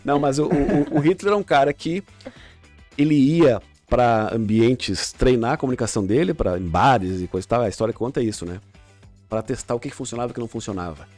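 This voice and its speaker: A man's voice: medium pitch, fairly quick, a little mellow, faint music behind. A middle-aged man, a podcast guest coaching on communication, explaining with examples and frequent restarts. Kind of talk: casual podcast chat.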